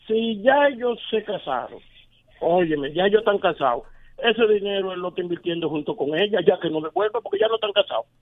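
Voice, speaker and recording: A man phones in to a talk show, chatty and quick to laugh. His fairly high voice comes through a thin, tinny phone line with no room sound. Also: expressive, no echo. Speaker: phone-in caller. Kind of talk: casual phone call.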